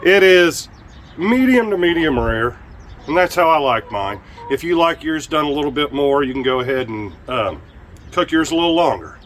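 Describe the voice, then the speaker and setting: A man hosting a casual outdoor cooking vlog, talking in a relaxed way with frequent ums. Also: fairly high pitch, moderate pace, slight background noise. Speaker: outdoor cooking channel host. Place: outdoors at a camp stove.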